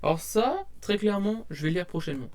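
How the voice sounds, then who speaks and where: A man's voice: high voice, sing-song, fairly quick, darkish tone. A young man casually rambling through his manga purchases at his desk, hesitant with many fillers and restarts. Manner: self-described shy. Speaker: manga collector showing purchases. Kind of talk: casual haul vlog to camera. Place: at home at a desk. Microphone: desk webcam.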